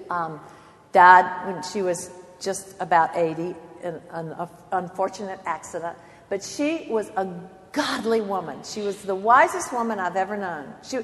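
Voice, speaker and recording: Older woman giving an earnest devotional talk. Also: mid-range voice. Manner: earnest, emphatic, swells and drops in loudness. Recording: long hall reverb.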